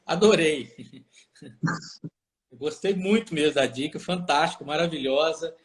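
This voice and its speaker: A man from Brazil with a slightly raised pitch talks casually. He is enthusiastic and quick with his questions and his praise. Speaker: neuropediatrician guest. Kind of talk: casual conversation.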